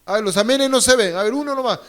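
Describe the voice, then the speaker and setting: High-pitched guy pastor preaching in church, fired up, makes the crowd repeat lines and cracks jokes. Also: fast. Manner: fervent preaching, urging the congregation to repeat phrases; joking asides to the audience. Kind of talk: sermon.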